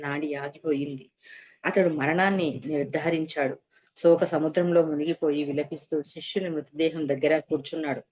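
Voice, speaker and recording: A woman narrating a devotional story in a steady, measured reading voice. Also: low voice. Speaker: reader of a devotional serial. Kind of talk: scripted narration.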